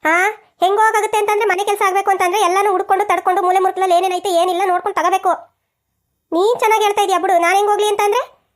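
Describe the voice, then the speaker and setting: A woman voicing a sharp-tongued, bossy old mother-in-law in a cartoon, nagging and sarcastic. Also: very high voice, little pitch movement, very fast. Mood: scolding. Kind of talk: cartoon voice acting.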